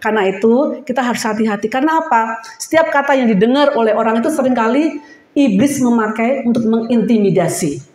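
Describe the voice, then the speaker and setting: A woman's voice: fairly high pitch, fairly quick. Woman preaching in an echoey hall. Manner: animated, acts out prayers and crying voices; call-and-response with the congregation. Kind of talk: sermon to a women's fellowship. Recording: echoey room.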